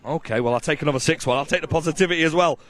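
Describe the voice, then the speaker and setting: Outside a stadium, a roving presenter chats directly and upbeat with fans in live outdoor interviews. His voice is fairly high in pitch and he talks very fast.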